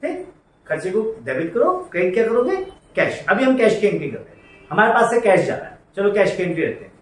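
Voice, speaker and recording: Guy teaching an accounts class, makes students repeat stuff, kinda high voice, roomy and distant sound. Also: very animated, fast. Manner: drills students by making them repeat entries; scolds and coaxes students in a familiar way. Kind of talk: classroom lecture. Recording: echoey room, distant mic, faint noise.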